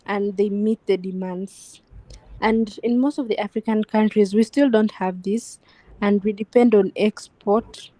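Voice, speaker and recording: A woman from Tanzania speaks slowly and earnestly on a discussion panel. Her voice is mellow, and the recording is dry and close. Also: medium pitch, no room sound, rough recording.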